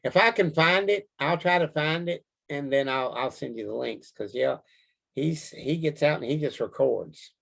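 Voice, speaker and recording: A man with a Kentucky accent talks casually as an interview guest. His voice has a gravelly creak to it, and he rambles along in a plain, folksy way. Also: a little high, normal speed, a bit bright. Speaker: Bigfoot researcher being interviewed.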